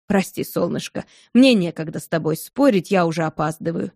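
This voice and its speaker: Woman reads steady husband, gently condescending, low, dry close audiobook sound. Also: a little fast, gravelly, no room sound. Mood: firm, patient. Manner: soothing, firm, gently condescending. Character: calm, firm husband, patient but unbending. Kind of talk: audiobook character voice.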